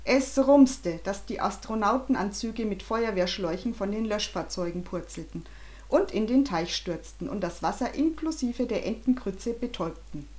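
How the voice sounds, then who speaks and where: A woman narrating a children's story aloud, with an animated, dramatic reading. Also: medium pitch, moderate pace. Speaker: audiobook reader.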